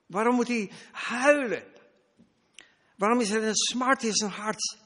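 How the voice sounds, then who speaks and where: A man's voice: sits high, measured pace, fairly bright tone, long reverb tail. A man preaching a sermon, emphatic, his voice rising and dropping for stress.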